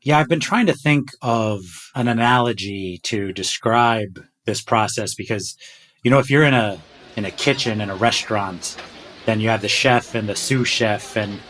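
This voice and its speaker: A man with a lowish, slightly bright voice hosts a podcast from his home closet at a moderate pace. After a scripted intro he talks eagerly with his team, enthusiastic and self-deprecating, and stumbles over words often.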